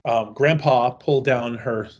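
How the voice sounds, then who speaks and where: A man's voice: mid-range voice, unhurried, dull audio. A man co-hosting a horror film podcast, chatting casually in a rambling, jokey and profane way. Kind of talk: casual chat.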